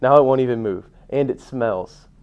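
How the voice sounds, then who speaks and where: A man's voice: mid-range voice, normal speed, clear, resonant tone, natural voice. A young man voicing a moody schoolgirl in a read-aloud storybook, in a plain reading voice. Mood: grumpy. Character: moody schoolgirl with a smelly pet. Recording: dull lo-fi sound.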